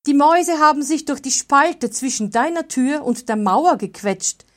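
A woman voicing a loud, complaining village maid in a read-aloud fairy tale. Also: high voice, animated, normal speed, voice pushed up. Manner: loud, whiny scolding.

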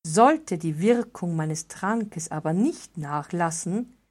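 Woman doing a cool confident old druid, slow formal talk, lowish voice. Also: animated, a little mellow, breathy edge, exaggerated voice. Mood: measured. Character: proud, calm, self-assured male druid.

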